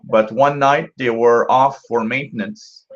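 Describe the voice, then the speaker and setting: A man talks casually as the host of a hobby radio live stream. His medium-pitched voice is halting and explanatory, with slightly dull, lo-fi sound. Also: steady tone. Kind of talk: casual live commentary, answering viewers.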